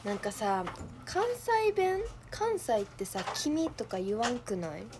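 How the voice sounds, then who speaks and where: Giggly Kansai young woman, lively pitch. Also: slow, background noise. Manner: playful, giggly, thinking aloud. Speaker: idol livestream host. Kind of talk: casual livestream chat.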